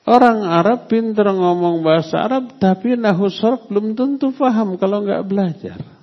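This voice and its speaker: A middle-aged man giving a religious study lecture, unhurried and emphatic, putting questions to his audience. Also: sits high. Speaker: Islamic teacher. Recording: long hall reverb, muffled lo-fi sound.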